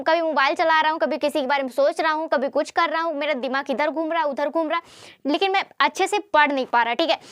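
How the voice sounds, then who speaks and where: A woman's voice: sits high, fairly bright tone, no room sound. A woman teacher giving a chatty motivational study lesson, often repeating herself and asking rhetorical questions.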